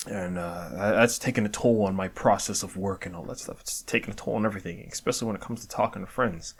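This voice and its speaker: A man's voice: on the low side, fast talker, gravelly, slightly rough. A man giving a candid year-end reflection, stammering and restarting often, swearing casually, earnest and self-deprecating. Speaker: video creator.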